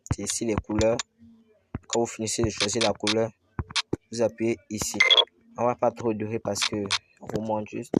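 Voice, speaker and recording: Male tutorial host, deep-ish even delivery, repetitive step-by-step explainer, noisy recording. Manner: slow step-by-step explaining, repeats himself. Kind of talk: screen-recorded game tutorial. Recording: loud background noise.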